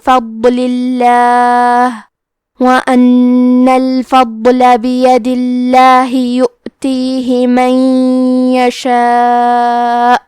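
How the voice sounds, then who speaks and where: A woman with a Pakistani Urdu accent teaching Quran recitation rules step by step, explaining each letter plainly and then reciting the words slowly with long drawn vowels. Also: high-pitched, a little mellow, no echo, studio quality. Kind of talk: tajweed lesson with slow recitation.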